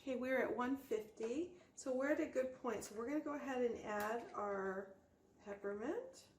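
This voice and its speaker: A woman's voice: on the high side, normal speed. A woman hosting a casual crafting tutorial, explaining informally step by step as she works. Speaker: host of a soap-making tutorial channel. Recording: roomy echo, faint background noise.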